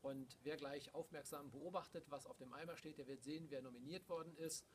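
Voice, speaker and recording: A man's voice: on the high side, fairly even intonation, a little fast. A middle-aged man co-hosting a casual, unscripted video outdoors, talking to a camera a few metres away. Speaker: podcast co-host. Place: outdoors in a garden. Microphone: camera mic a few metres away. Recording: noisy outdoor camera recording from a distance.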